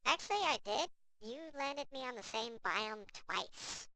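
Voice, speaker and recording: A man voicing a small, whiny, sarcastic astronaut in falsetto, arguing back at himself as the player in an improvised game voice. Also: animated, a little slow, sharp tone, no echo, full character voice. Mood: contrary, sarcastic. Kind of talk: improvised gameplay character voice.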